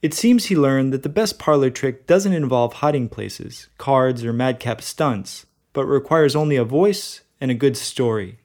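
A man's voice: medium pitch, a little slow, hardly any pauses, darkish tone. A man co-hosting a podcast, reading a scripted narration in a wry, conversational way. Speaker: podcast host, bookseller.

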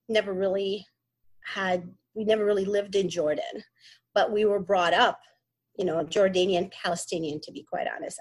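A young adult woman from the Middle East, a podcast guest talking casually and haltingly, with many fillers and restarts. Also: medium pitch, slightly rough. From Middle East (born in Kuwait, raised in Egypt). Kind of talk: casual interview talk.

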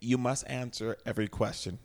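A man acting as guest host and interviewer in casual chat, prompting briskly like an announcer. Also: medium pitch, steady tone.

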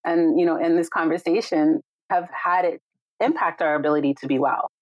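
This guest, a yoga and meditation teacher from Jamaica, speaks a little fast in a low voice during a casual video-call conversation. Warm and reflective, she peppers her speech with "right?" and "like"; the audio is dull, without room sound.

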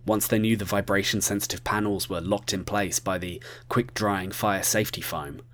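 Male storyteller, lowish voice, scripted heist narration, talks to the listener at times. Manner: addresses the listener directly.

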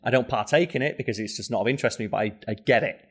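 Animated man chatting casually. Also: very fast, husky. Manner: animated, swearing, pitch jumping up in mock quotes. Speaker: podcast co-host. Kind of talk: casual chat.

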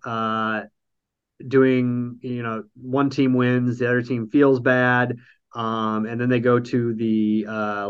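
A man's voice: mid-range voice, clean tone, muffled recording. A man with a nasal voice, hosting a casual podcast chat over an online call, rambling through a recap with lots of ums and dry jokes. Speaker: podcast host recapping a reality show.

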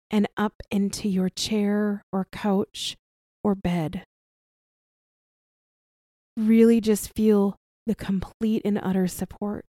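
A woman guides a somatic relaxation practice in a soft, soothing way. Her pace is very unhurried and her tone is mellow and relaxed. She leaves long pauses between gentle instructions, in a dry, intimate recording. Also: mid-range voice, no echo.

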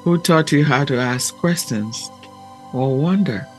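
Slow, gentle man guiding a meditation. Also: medium pitch, soft background music. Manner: gentle, measured, deliberate with long pauses. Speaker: podcast host and meditation guide. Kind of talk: scripted reflective talk and guided meditation.

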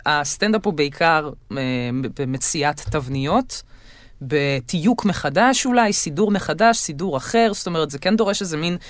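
A woman's voice: low voice, no echo. Chatty Israeli-born woman comedian, dry close mic. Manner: lively, quick asides, frequent fillers and restarts. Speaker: guest, comedian. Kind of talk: casual interview chat.

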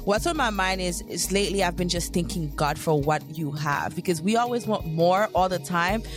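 A woman's voice: lowish voice, normal speed, music in the background. A young woman co-hosting a casual chat, speaking earnestly and reflectively. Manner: earnest, reflective, repeats herself. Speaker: co-host.

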